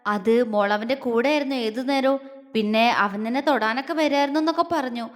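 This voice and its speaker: A woman's voice: a little high, a little fast, close to an everyday voice. A woman voicing a young husband who teases playfully and grows stern when angry, heard in a reverberant room. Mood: tender teasing. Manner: playful coaxing, turning stern at times. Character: young husband, teasing, tender, quick-tempered.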